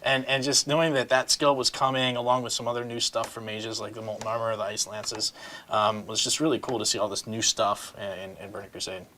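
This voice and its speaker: A man's voice: mid-range voice, flat delivery, a little fast, pushed and bright, a little hiss or hum. A middle-aged man on a panel, talking casually with many fillers and restarts and frequent laughs.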